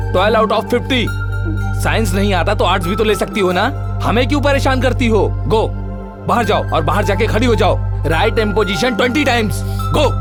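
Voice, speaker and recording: An actor dubbing a strict male physics teacher who scolds his class, over film music. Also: sits high. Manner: stern, scolding. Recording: film mix with loud music.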